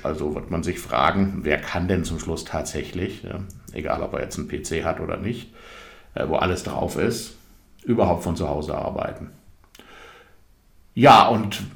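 A man's voice: low voice, creaky. A man talking through a casual explanatory monologue as a podcast host, conversational, with many fillers. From Germany. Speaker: podcast host and software consultant. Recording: echoey room.

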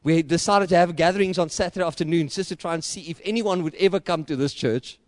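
A middle-aged Afrikaans-speaking pastor with a South African accent preaches a sermon, talking fast in a fairly high pitch. His rhetoric is repetitive and building, surging to loud, emphatic peaks, and the recording has no room sound.

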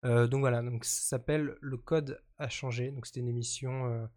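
A man's voice: mid-range voice, steady tone, normal speed, a little mellow. A man co-hosting a casual podcast chat, talking with many fillers and restarts. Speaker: podcast co-host.

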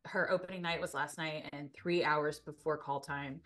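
Low-voiced woman telling a lively story. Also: normal speed, faint music behind. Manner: animated storyteller, acts out quotes. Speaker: guest co-host. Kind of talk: casual podcast chat.

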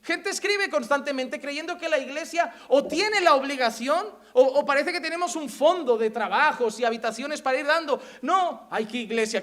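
A man with a Spain Spanish accent preaching a sermon as pastor, emphatic and animated, full of rhetorical questions. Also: very high voice.

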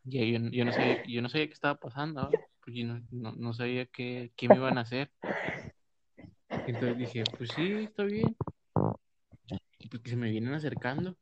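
A Mexican man telling a story in casual chat, rambling with plenty of self-mockery. His voice sits at a middle pitch. The recording sounds dull and lo-fi. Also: fairly even intonation, brisk. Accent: Mexican Spanish.

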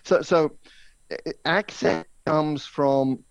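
A man's voice: on the high side, slow pace, clean tone, dry recording. Man telling a story over a dull, dry line. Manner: anecdotal, explanatory, says "so, so" and "right?". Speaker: interview guest, language educator. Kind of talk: storytelling in conversation. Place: office in Hong Kong.

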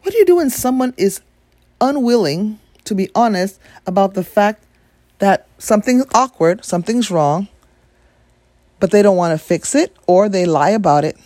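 A woman's voice: mid-range voice, expressive, moderate pace, darkish tone, no echo. Blunt, emphatic woman from Nigeria. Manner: blunt, emphatic, swears freely. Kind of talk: casual opinion monologue.

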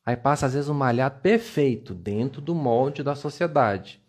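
A man's voice: mid-range voice, animated, normal speed, darkish tone. A man, giving a playful, coaxing motivational talk on a live stream and repeating words for emphasis. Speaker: live-stream self-esteem coach.

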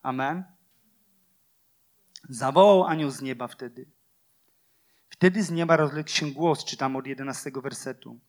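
A man preaching a sermon with passion, using repeated phrases and rhetorical questions, and swinging from loud declarations to hushed, quiet lines. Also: medium pitch, unhurried, long pauses.

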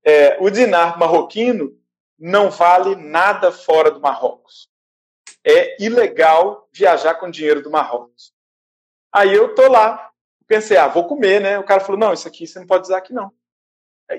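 A Brazilian man casually recounting a stressful arrival on a trip, animated and acting out the people he met, laughing now and then. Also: sits high. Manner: animated, acts out quoted voices, laughs often. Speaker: traveler recounting his trip. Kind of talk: casual storytelling. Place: a small shared house, indoors.

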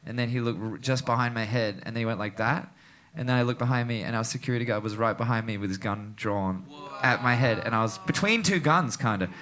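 A man telling a story on stage at a live show, with a bright, ringing voice. He acts out the other people in the story as he goes, with his voice sitting in a middle range. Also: medium pitch, fast. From Australia. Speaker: guest musician. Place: live comedy venue.

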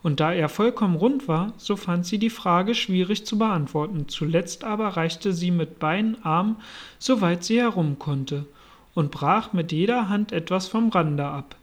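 A steady reader narrates a classic storybook. The voice sits at a middle pitch and takes its time. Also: unhurried. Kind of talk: storybook reading.

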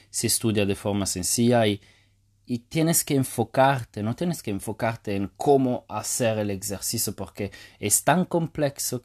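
Low-voiced hesitant podcast man. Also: darkish tone. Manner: hesitant, many fillers and restarts. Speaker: podcast host. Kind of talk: casual solo podcast talk.

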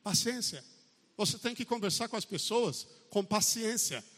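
Bright-voiced Brazilian preacher in a hall. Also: male voice, high-pitched, lively intonation, normal speed, husky. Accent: Brazilian Portuguese. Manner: emphatic, calls out for amens, acts out quotes. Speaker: pastor. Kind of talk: sermon. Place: church service. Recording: long church hall reverb.

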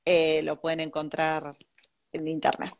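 A woman's voice: low-pitched, monotone, measured pace. Chatty Argentine woman guest. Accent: Argentine Spanish. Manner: chatty, rambling, laughs often. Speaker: guest architect. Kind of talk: casual interview chat.

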